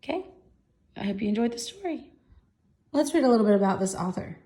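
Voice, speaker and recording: Her voice sits on the high side, warm, expressive, and fast. She is reading a picture book to children, explaining the pictures expressively along the way with simple commentary.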